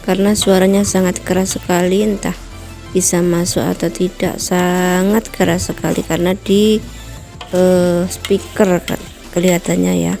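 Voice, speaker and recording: A woman talks slowly and warmly through a cooking demonstration in her home kitchen. Her voice is dark and mellow, and she keeps turning to her viewers as friends. Faint music drifts in from somewhere outside. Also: on the low side, little pitch movement, vocal fry. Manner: chatty, addresses viewers as friends often; apologetic, explanatory asides. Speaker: home cooking channel host. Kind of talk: casual cooking tutorial. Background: distant loud music from a rehearsal.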